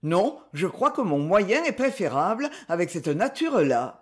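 A woman reading the part of a stern, self-possessed young man who disciplines his cousin, firm and measured. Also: lowish voice, big pitch swings, darkish tone. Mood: explaining. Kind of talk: audiobook novel reading.

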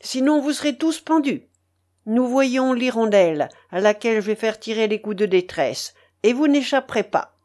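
A woman reading the part of a calm, steely older male ship commander who gives firm, clipped orders. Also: fairly high pitch, a little slow, few pauses, husky, full character voice. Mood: stern.

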